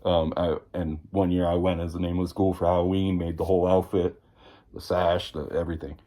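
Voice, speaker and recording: A man's voice: sits low, little pitch movement, brisk, dark tone. A man vlogging a casual show and tell at home, chatty and rambling with a self-deprecating humor. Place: indoors at home.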